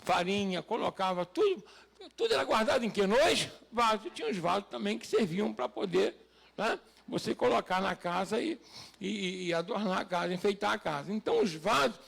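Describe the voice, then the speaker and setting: High, gravelly-voiced male preacher. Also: expressive, moderate pace, a bit bright. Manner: preaching with rhetorical questions to the congregation; rising to emphatic, raised delivery. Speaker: pastor. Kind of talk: sermon.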